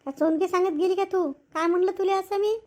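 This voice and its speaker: Woman playing a touchy, high-voiced village housemaid. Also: fairly even intonation, poor audio. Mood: aggrieved. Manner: sharp, quick to snap, aggrieved. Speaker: actor in a village family drama. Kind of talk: village comedy-drama acting.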